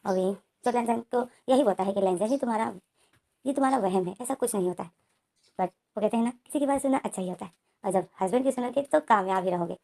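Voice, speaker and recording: A woman's voice: mid-range voice, fast talker, gravelly, darkish tone. A woman casually retelling a romance story, narrating the plot and speaking the characters' lines in her own voice. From India.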